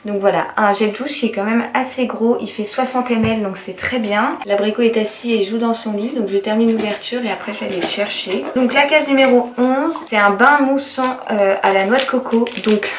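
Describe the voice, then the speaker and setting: A woman's voice: fairly high pitch, moderate pace, hardly any pauses, slight background noise. A young woman chatting in a casual home vlog, talking to the camera in her kitchen while she bakes and looks after her son. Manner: chatty, upbeat, many fillers. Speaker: vlogger, mother. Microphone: handheld camera.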